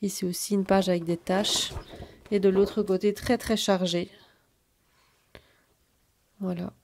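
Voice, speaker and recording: A woman showing off her scrapbooking purchases in a casual haul video, talking slowly and hesitantly with many fillers. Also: mid-range voice, flat delivery, darkish tone, slight background noise.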